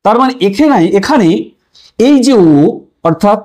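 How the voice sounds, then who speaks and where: In a high voice that keeps rising and falling with emphasis, a man teaches a language lesson, putting questions to his viewers, answering them himself and stressing key words. His tone is explanatory and friendly throughout, animated, a little mellow and at normal speed.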